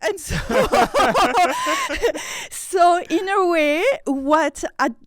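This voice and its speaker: A woman's voice: very high-pitched, huge pitch swings, extremely slow, no room sound, clean studio sound. A woman from France with a French accent, a guest in a casual interview, speaking expressively, breaking into laughs and repeating words as she searches for them.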